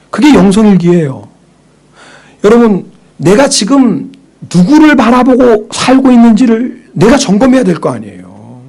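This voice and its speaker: A male pastor preaching in a slightly raised, husky voice. He throws questions to the congregation and answers them himself, then falls to a hush for inner thoughts. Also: high voice. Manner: drops to a whisper for inner thoughts. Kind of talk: sermon.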